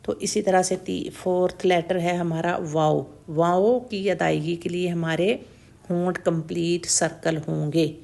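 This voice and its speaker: A woman teaching tajweed pronunciation, slowly and patiently demonstrating each letter sound over and over and checking that the learner follows. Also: on the low side, fairly even intonation, creaky, darkish tone. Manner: mixes English words into Urdu, checks in with "theek hai?". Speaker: Quran recitation teacher.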